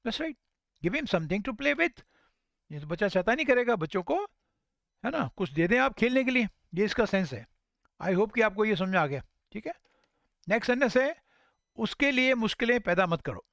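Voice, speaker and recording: A man teaching an English lesson, explaining in a mix of languages and saying sample sentences slowly for learners to repeat. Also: sits high, sing-song, creaky, a bit bright, no echo, studio quality.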